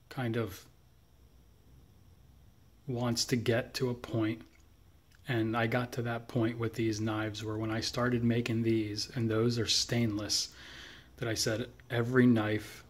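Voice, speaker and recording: Man with a flat voice touring his garage workshop. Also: fairly low pitch, unhurried, pauses often. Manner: relaxed, chatty, lists tools with fillers. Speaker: knife maker giving a shop tour. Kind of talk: casual shop tour walkthrough. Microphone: handheld phone camera.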